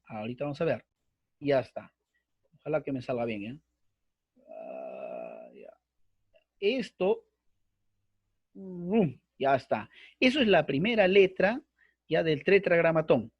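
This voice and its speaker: A man's voice: a little high, sing-song, normal speed, husky, no room sound, muffled recording. A man teaching a bible course online, explaining at length and repeating himself, with frequent fillers. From Peru. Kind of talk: online lecture. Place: online class with screen sharing.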